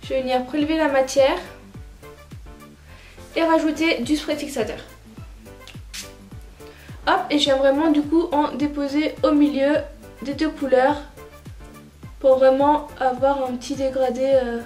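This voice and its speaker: A woman narrating a makeup tutorial as a vlogger, chatty and relaxed with lots of filler words. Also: high voice, measured pace, pauses often. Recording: roomy echoey room, faint music.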